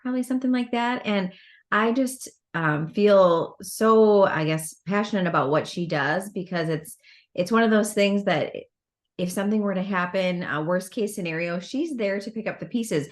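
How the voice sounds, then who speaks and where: A woman's voice: medium pitch, normal speed. A middle-aged American woman from the Midwest, hosting a casual interview over a video call. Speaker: host. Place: indoor room at home or office.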